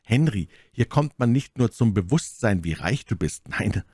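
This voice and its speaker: A melodramatic young man from a classic storybook, self-pitying and theatrical, carried in a low male voice that a man puts on. The sound is close and dry, with no room around it. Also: animated, moderate pace, a little mellow, slightly rough, no echo. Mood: despairing.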